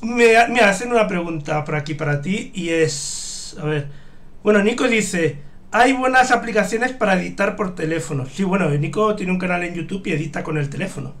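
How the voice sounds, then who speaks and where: A man's voice: sits high, normal speed, fairly bright tone. A man in his thirties hosts a casual streamed interview, telling a rambling story and reading out viewer questions through his headset. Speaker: show host. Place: home streaming room.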